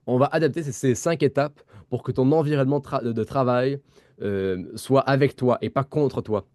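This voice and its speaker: Hesitant Québécois man, mellow voice. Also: mid-range voice, normal speed, no echo, clean studio sound. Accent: Québécois French. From Quebec. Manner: hesitant, restarts words, many fillers. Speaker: podcast co-host. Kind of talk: casual explanatory podcast chat.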